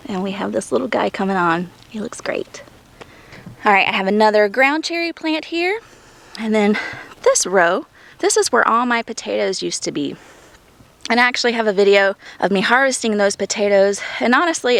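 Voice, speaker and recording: A woman's voice: medium pitch, vocal fry. A woman in her thirties giving a chatty, enthusiastic tour of her backyard vegetable garden, breathing heavily in the summer heat. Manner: chatty, enthusiastic, thinking aloud. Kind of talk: casual garden tour vlog.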